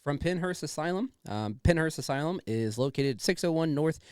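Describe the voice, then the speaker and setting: Male podcast host, chatty and enthusiastic, lively pitch swings, close dry sound, informal and sweary. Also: normal speed, smooth, dry recording. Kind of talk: casual chatty show introduction.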